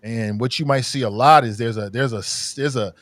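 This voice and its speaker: A man's voice: medium pitch, moderate pace, a bit bright, no echo. A man who is a bit under the weather, hosting a livestream podcast with conversational, opinionated news commentary on a close livestream mic. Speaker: podcast host.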